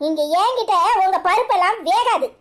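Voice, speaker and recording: A fierce woman in a cartoon serial, voiced by a woman who threatens and insults. Her Kanyakumari Tamil accent rings out in a very high voice. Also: lively intonation, normal speed. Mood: threatening. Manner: scornful, shouting insults. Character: fierce woman defending her brother's wife.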